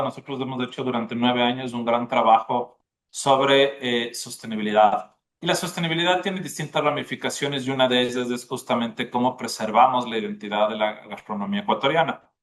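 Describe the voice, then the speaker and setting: A man's voice: medium pitch, a little fast, fairly bright tone. A man, a gastronomy school dean, explaining at length in a podcast interview and often checking in with the listener. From Ecuador. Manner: explanatory, often tags "¿no es cierto?".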